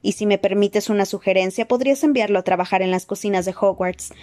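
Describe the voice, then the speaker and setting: A woman voicing a calm, courteous old male wizard in an audiobook, measured and gently good-humored. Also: medium pitch, close to an everyday voice. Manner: measured, polite, gently amused. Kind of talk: audiobook character voice.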